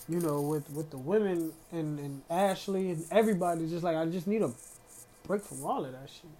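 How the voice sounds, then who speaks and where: A man's voice: high-pitched, darkish tone. A man hosting a casual solo podcast, ranting in a heated, profane way with lots of slang and fillers. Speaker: podcast host.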